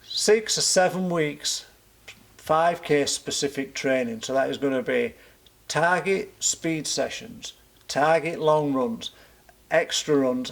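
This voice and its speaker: A man's voice: a little high, creaky. A man talking informally to camera as a coach in an instructional vlog, posing questions and answering them himself as he explains. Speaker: running coach and club vlog host.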